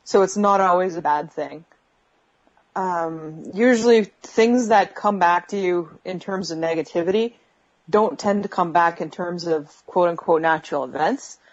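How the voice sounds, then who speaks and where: A woman with a lowish voice speaks a little slowly, her audio dull, as she answers interview questions on a poor video call from her phone. She's in her bedroom at home, sounds hesitant and uses many fillers, and the connection keeps breaking up.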